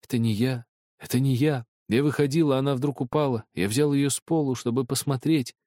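A man's voice: medium pitch, fairly even intonation, brisk, dark tone, dry recording, voice pushed up, close to an everyday voice. A frightened little boy pleading that he is innocent, stammering a little in a slightly raised voice, as a man puts him on. the sound is dry and close. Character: frightened small boy denying blame.

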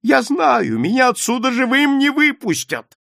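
A man voicing a terrified foreign traveller in a spoken story, pleading and crying out in a high, cracking voice. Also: huge pitch swings, moderate pace, vocal fry, husky, no room sound, clean studio sound, exaggerated voice. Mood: panicky. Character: frightened foreign man, panicky and shrill.

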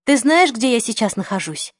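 A woman's voice: on the high side, very animated, normal speed, no room sound, clean studio sound, voice pushed up. A woman reading the part of a young journalist who speaks urgently and firmly. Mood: probing. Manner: urgent, forceful. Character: determined young journalist woman, tense and defiant.

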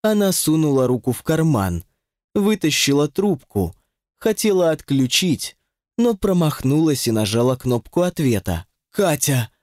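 Male audiobook narrator, expressive storytelling, lively pitch, dry close sound. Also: moderate pace, no echo. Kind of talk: scripted narration.

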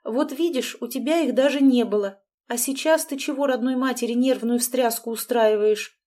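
A fussy middle-aged mother who keeps pressing with reproachful questions, as a woman reads her in an audiobook. The voice sits raised and bright, with lively rises. It comes across as a storybook parent who will not let a matter drop. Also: fairly high pitch, normal speed, pitched above the performer's own voice, lightly acted. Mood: insistent. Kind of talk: audiobook dialogue.

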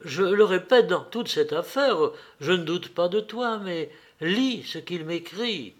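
A man's voice: high voice, animated, slow, voice pushed up. A man reading as a trembling, anguished woman. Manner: trembling, pleading. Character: anguished proud woman, torn by love.

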